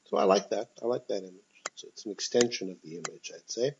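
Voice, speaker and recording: A man's voice: lowish voice, expressive, fast talker, creaky, background noise. A man teaching a discussion class, heard through a speakerphone on a phone call, talking in a thoughtful, hesitant way with many ums. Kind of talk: leading a text discussion class. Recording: dull speakerphone call audio.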